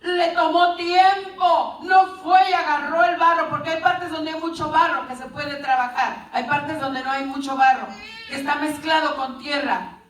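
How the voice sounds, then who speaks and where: A woman's voice: high-pitched, fairly even intonation, moderate pace, fairly bright tone. A woman preacher telling a parable in a sermon, addressing the congregation as brothers, recorded from a distance in an echoey room.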